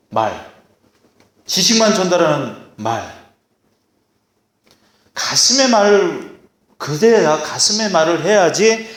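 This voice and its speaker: Guy preaching in a church hall, lively up and down voice, lots of echo. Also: a little high. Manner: animated, acts out scolding parents in raised voice. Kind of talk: sermon. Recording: echoey hall.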